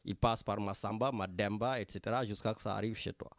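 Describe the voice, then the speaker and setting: A man's voice: fairly low pitch, fairly even intonation, fast, dry recording. A man with a Senegalese French accent hosting a talk radio show from a studio, talking animatedly and often turning to his co-host by name. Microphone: studio microphone.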